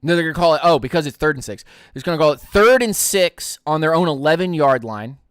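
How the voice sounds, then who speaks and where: Young male streamer, excitable play-by-play, fairly high voice, clean and dry close mic. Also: fast, clean tone, no echo. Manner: excitable play-by-play, rising loud on big plays. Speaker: live-stream host. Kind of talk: live game-watching commentary.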